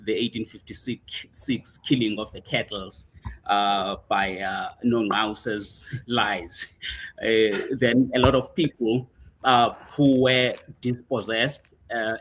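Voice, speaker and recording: A man's voice: lowish voice, fairly even intonation, slow pace, fairly bright tone, breathy edge. A man from South Africa, an executive coach and the guest, talking in a casual interview with many fillers and hesitations.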